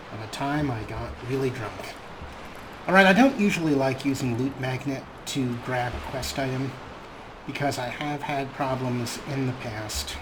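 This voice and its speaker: A man provides casual, chatty commentary while hosting a let's play, in a wry, understated tone at a middling pitch. Noise and game ambience are clearly audible behind him.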